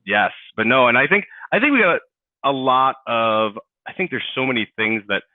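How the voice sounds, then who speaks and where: A man's voice: medium pitch, lively intonation, moderate pace, no echo. Man, interview host, casual chat, rambling restarts, tinny phone-like sound. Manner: rambling, restarts sentences often. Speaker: podcast host. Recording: tinny phone-like dry audio.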